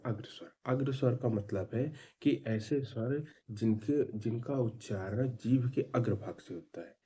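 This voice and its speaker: A man's voice: medium pitch, dark tone, breathy edge. A man teaching an exam-prep lesson, explaining step by step, asking questions and answering them himself, and drawing out vowel sounds to show them. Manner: drawn-out vowel demonstrations.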